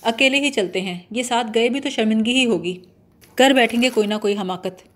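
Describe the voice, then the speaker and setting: Woman reading a sharp-tongued sulky younger sister. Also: fairly high pitch, close to an everyday voice.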